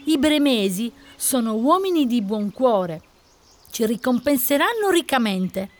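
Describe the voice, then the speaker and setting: A woman's voice: fairly high pitch, sing-song, unhurried, a little mellow, slight background noise, pitched above the performer's own voice. A woman voicing a cheerful, bold old male donkey in a storybook reading. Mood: lively.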